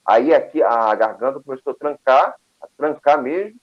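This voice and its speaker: A man from Brazil, a guest telling a personal story in casual talk, animated and acting out quoted dialogue with many restarts. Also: medium pitch, normal speed, muffled recording.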